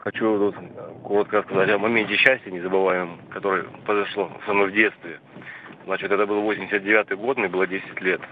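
A man's voice: sits low, little pitch movement, fast talker. A man from Krasnodar in southern Russia calling a radio phone-in and casually telling a personal story. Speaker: phone-in caller. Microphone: phone call. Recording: tinny noisy phone line.

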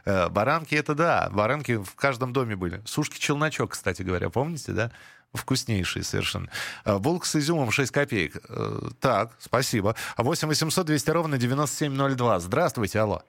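A man's voice: mid-range voice, animated, fairly quick, creaky, a bit bright, dry recording, studio quality. Chatty male radio call-in host. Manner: chatty, reminiscing, frequent restarts. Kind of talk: casual nostalgic phone-in chat. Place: radio studio. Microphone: studio microphone.

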